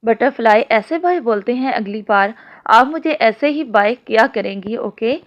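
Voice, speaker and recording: A woman reading the lines of a possessive, doting young man in a romance novel, low and firm. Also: expressive, a little slow. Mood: teasing. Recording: dull lo-fi audio.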